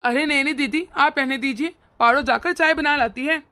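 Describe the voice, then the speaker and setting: A woman's voice: high voice, bright, forceful tone. A woman voicing a hot-tempered young husband and doting brother in a cartoon. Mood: earnest. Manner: earnest, quick to anger. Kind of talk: cartoon voice acting.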